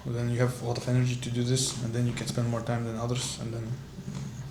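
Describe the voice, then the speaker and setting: A man in his twenties from Kazakhstan, a startup founder being interviewed, speaking halting English with many fillers. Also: mid-range voice, completely flat delivery. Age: 20s. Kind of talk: casual interview. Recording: roomy echo with clear background noise.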